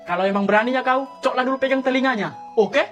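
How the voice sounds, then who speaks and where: A woman's voice: high-pitched, natural voice. A woman playing a teasing, mischievous teenage schoolboy in a comic skit. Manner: teasing, goading, fast quips. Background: faint music.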